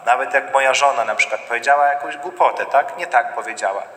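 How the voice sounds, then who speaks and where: Priest preaching in an echoey church. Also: male voice, medium pitch, bright, forceful tone. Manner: acts out quarrelling spouses in quick mimicking asides. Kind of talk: sermon.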